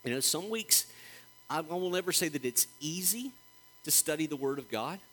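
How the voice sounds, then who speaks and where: A man preaching a sermon as pastor, reading scripture slowly and with emphasis, animated throughout. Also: on the high side, low-quality recording.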